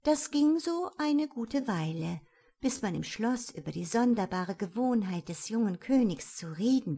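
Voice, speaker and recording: Woman reading a fairy tale, lively, does all the voices. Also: mid-range voice, breathy edge. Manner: lively storytelling, voices the characters.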